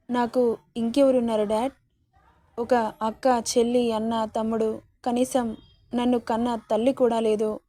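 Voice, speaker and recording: A woman's voice: fairly high pitch, dark tone, no echo, close to an everyday voice. A woman voicing a grieving young woman, tearful. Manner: tearful, pleading lament. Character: grieving young woman mourning her father. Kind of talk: dramatic story reading.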